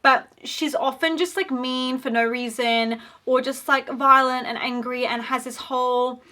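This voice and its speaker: A woman's voice: sits high, fairly even intonation, measured pace, sharp tone. A young woman giving an opinionated, casual commentary on a TV series, talking in a chatty way with lots of "like" fillers. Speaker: video essayist.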